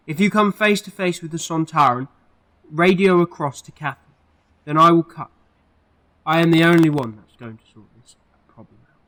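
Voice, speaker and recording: Guy doing an earnest quirky time traveller hero, bright forceful voice on the higher side, amateur audio drama. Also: close to an everyday voice, poor audio. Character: eccentric, protective male alien time-traveller hero.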